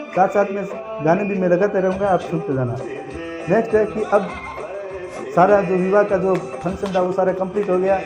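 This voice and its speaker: A man's voice: high-pitched, normal speed, over music. A male teacher, telling a story to teach exam facts and drilling key answers by repeating them. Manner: animated storyteller who acts out aunts and sings snatches of songs. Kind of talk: exam-prep lesson with storytelling. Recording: slightly dull lo-fi recording.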